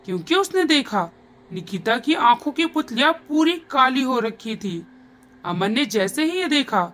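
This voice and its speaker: High-voiced woman narrating a horror story. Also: fairly bright tone. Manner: suspenseful storytelling.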